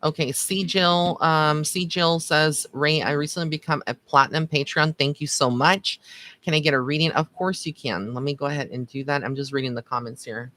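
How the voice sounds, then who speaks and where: Speaking at normal speed with fairly even intonation, this man's fairly high voice sounds pushed and bright. He's a psychic medium doing card readings on a casual, chatty livestream, using informal endearments for his viewers.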